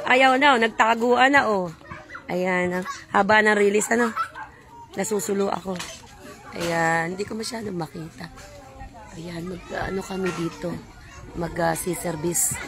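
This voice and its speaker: A woman from a church live-streaming on her phone as she walks outdoors beside railway tracks, chatting and greeting viewers and passers-by. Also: medium pitch. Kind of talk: casual live-stream chat. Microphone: phone held while walking.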